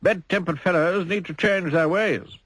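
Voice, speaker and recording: A man voicing a cheerful, upbeat storybook character who talks in a bright, bouncy way. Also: sits high, moderate pace, no room sound, voice pushed up, poor audio.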